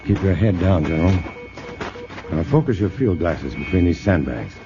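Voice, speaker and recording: An actor playing a calm male scientist hero who explains things plainly, in a 1950s radio drama. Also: deep voice, normal speed. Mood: tense. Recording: dull old radio broadcast with music.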